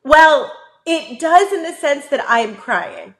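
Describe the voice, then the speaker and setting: A woman in her thirties, a podcast co-host, telling a story in casual chat, animated, laughing often and acting out the voices of the people she quotes. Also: high voice, takes it slowly.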